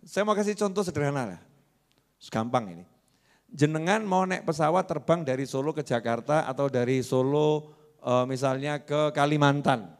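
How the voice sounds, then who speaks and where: A man's voice: a little high, normal speed. A man preaching a religious lecture, asking the audience questions and answering them himself. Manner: acts out characters in anecdotes with shifting voices.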